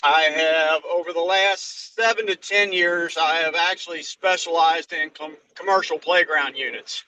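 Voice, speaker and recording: A man from Ohio, a general contractor, talking casually on a low quality video call while driving, easygoing and hesitant with fillers and restarts. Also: fairly even intonation, unhurried, hardly any pauses, sharp tone, dry recording, low-quality recording. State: driving a vehicle. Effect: low quality streamed video call audio. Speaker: general contractor seeking advice.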